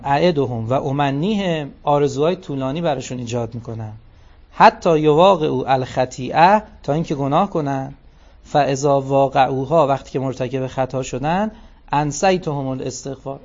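A man's voice: mid-range voice, darkish tone. A man giving a scripture commentary lecture, reciting passages in Arabic and then explaining them in casual speech. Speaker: religious lecturer. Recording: dull lo-fi recording.

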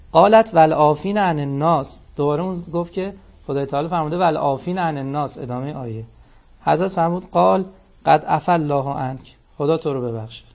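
A man's voice: on the high side, gravelly, a little mellow. A man giving a scripture commentary lecture, reciting passages in Arabic and then explaining them in casual speech. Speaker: religious lecturer. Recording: dull lo-fi recording.

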